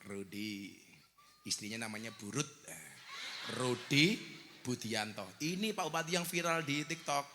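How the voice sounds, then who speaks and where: A man's voice: medium pitch, measured pace, in a large hall, background noise. A man preaching a humorous live sermon, teasing the crowd and breaking into sung prayers.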